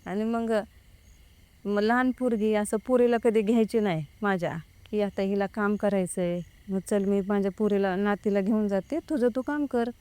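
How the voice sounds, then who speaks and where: A woman's voice: medium pitch, steady tone, moderate pace, mellow, clean tone, no echo. A young woman, recounting her own experience in casual speech and quoting the people involved. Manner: retells with many quoted exchanges. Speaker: guest telling her experience. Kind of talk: casual spoken account.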